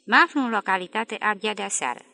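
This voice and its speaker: A woman's voice: mid-range voice, creaky, bright, forceful tone, no room sound, pitched above the performer's own voice. A woman reading the lines of a tired male stranger in an audiobook, polite but insistent. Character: weary male stranger, persistent and uneasy.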